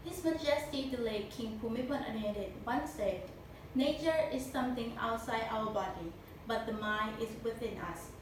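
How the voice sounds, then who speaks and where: A young woman with a Thai accent and a slightly high voice delivers a memorized competition speech at a moderate pace, sounding stiff and rehearsed. She's a speech contestant, recorded with a distant mic in a very echoey, noisy room.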